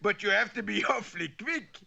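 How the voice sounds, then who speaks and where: A man's voice: high voice, lively intonation, brisk, creaky, bright, forceful tone, exaggerated voice. A man voicing a pompous, eccentric scientist lecturing in a cartoon. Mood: pompous, fussy. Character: pompous, eccentric male scientist, chief assayer. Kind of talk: cartoon voice acting. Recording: dull old cartoon soundtrack.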